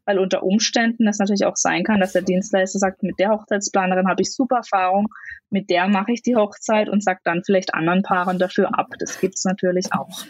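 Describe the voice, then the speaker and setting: A woman's voice: medium pitch, fairly even intonation, a little fast, dry recording, lo-fi sound. A woman in her thirties, a wedding planner, explaining things at length in a casual podcast chat, with many fillers. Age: 30s.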